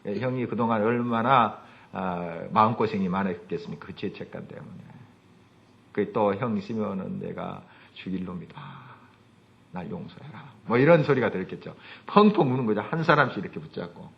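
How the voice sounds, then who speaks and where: A male pastor giving an earnest sermon and reading scripture aloud slowly. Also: lowish voice, vocal fry, lo-fi sound.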